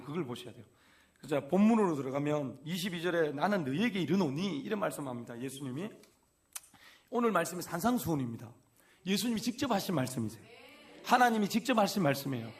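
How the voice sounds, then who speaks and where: A man's voice: on the high side, gravelly. A male pastor preaching a sermon in church, folksy and conversational, acting out everyday quotes. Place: church sanctuary.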